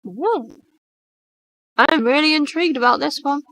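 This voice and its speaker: A woman in her twenties chats bluntly and casually while reading posts aloud on a live stream. Her voice is bright and sits fairly high, and she swears without fuss. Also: a little slow, no room sound. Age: 20s. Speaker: stream co-host.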